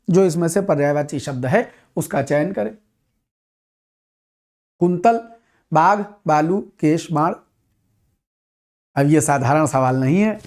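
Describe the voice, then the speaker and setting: A male teacher with a fairly high voice explains grammar in an exam-prep lesson. He hammers points home by repeating key words and throwing rhetorical questions at his students. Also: darkish tone. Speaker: Hindi teacher.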